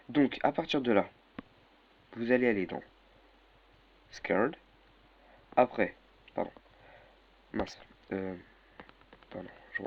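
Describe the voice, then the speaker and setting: A man's voice: mid-range voice, a little mellow. A young man walking through a casual tutorial, hesitant, with many fillers and self-corrections. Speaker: tutorial maker. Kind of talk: casual screen-recorded tutorial. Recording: dull lo-fi mic with faint noise.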